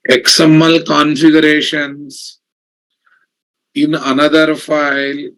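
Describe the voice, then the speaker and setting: In a rough recording, a man with a Telugu Indian English accent teaches programming live, repeating dictated phrases slowly and asking questions to check understanding. He speaks slowly in a slightly high, fairly bright voice with little pitch movement.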